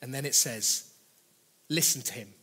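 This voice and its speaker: A man's voice: medium pitch, moderate pace, sharp tone, slightly rough, long reverb tail. A man preaching a sermon in an earnest, conversational way, rephrasing and repeating his key phrases.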